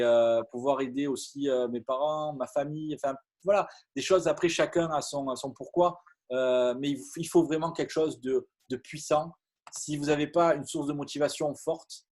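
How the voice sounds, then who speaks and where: Earnest husky man giving a motivational talk. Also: mid-range voice, darkish tone. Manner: earnest, repetitive, many fillers and restarts. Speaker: business opportunity speaker. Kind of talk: motivational talk on a video call. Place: video call.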